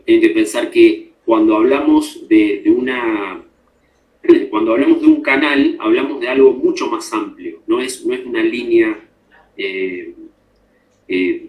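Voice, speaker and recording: A man teaching a class, explaining step by step and often checking that students follow. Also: on the low side. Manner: explanatory, checks understanding with frequent tag questions. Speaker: instructor. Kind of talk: classroom lecture. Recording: echoey room.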